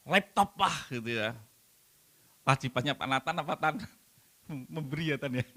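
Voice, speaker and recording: Male pastor, bright voice, lively swings in pitch, keeps asking the congregation questions. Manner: animated, conversational, questions the congregation. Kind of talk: sermon.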